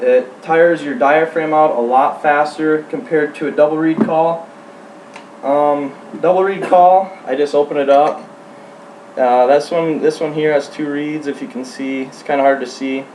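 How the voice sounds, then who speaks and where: A man giving an informal how-to demonstration as a hunting instructor, speaking in a halting, plain-spoken way. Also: on the high side, steady tone, darkish tone. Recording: roomy, distant mic, faint hum.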